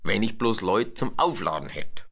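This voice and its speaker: A man's voice: on the low side, expressive, normal speed, gravelly, a bit bright, husky, exaggerated voice. A man voicing a grumpy, fussy male brewery master in a children's story. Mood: indignant. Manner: fussy, indignant.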